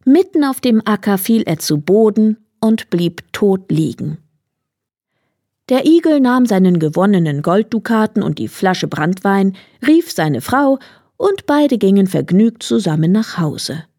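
A woman reading a fairy tale aloud as storyteller, in a calm, measured manner. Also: medium pitch, no room sound, clean studio sound.

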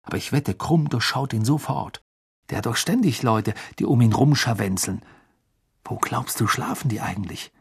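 A man voicing an excitable teenage boy who bursts into eager exclamations in a husky voice. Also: mid-range voice, moderate pace, no echo, clean studio sound. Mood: scornful.

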